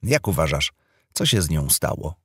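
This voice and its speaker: A man's voice: a bass voice, big pitch swings, moderate pace, fairly bright tone, slightly rough, no room sound, clean studio sound, heavily acted. A man voicing a fussy, easily irritated middle-aged wife who scolds sharply, read for an audiobook. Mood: insistent.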